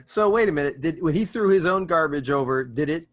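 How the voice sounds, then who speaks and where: A man playing a tabletop game, wry and quick to argue in character. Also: a little high, lively intonation, fairly bright tone. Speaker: player.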